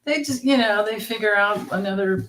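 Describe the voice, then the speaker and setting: A woman's voice: medium pitch, a little fast, a bit bright. A woman co-hosting a tarot livestream, chatting casually and laughing often. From Kentucky. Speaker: tarot reader co-host.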